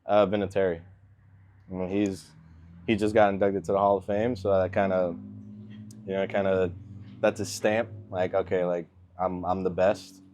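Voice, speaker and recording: In a low voice at a moderate pace, a twenty-something NFL kicker who was born in Venezuela and grew up in Miami takes interview questions. He sounds relaxed and uses lots of fillers like um and like, with slight background noise.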